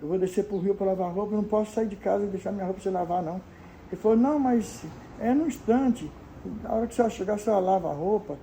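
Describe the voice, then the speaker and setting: A woman's voice: mid-range voice, fast talker, mellow, slight background noise, rough recording. An older woman from Brazil telling childhood memories in a homely, casual way, acting out the dialogue of the people in her story. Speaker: storyteller answering viewer questions.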